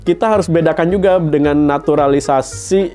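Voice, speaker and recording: Chatty man, slightly high voice. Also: a little fast, mellow, soft background music. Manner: chatty, laughs often, uses slang. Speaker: podcast co-host. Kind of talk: casual chat.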